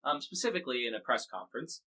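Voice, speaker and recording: A man's voice: medium pitch, animated, fast, sharp tone, rough recording. An American man hosting a podcast, covering the news in casual, wry chat full of fillers and restarts. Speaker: podcast host.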